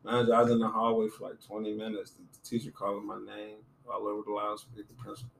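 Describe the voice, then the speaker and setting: A man casually telling a story on a podcast, animated, acting out other people's lines in raised voices and laughing often. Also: fairly low pitch, quick pace, gravelly. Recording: roomy with faint noise.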